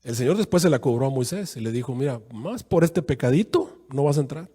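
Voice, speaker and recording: A man preaching a sermon as pastor, acting out quoted voices with sudden jumps in pitch. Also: lively intonation, brisk, mellow, husky.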